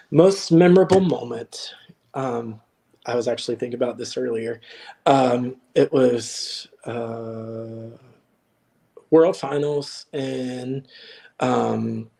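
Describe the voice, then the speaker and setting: A young adult man talking as a guest on a video call, telling a personal story in an earnest, reflective way with many hesitant pauses. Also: medium pitch, vocal fry, warm tone. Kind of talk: casual chat.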